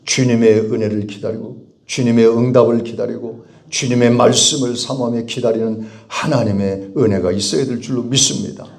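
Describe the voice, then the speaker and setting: Emphatic preaching pastor, animated. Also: male voice, normal speed, vocal fry, few pauses. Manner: animated preaching with rhetorical questions and emphatic repetition; bursts out to dramatize cries, then drops low. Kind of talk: sermon.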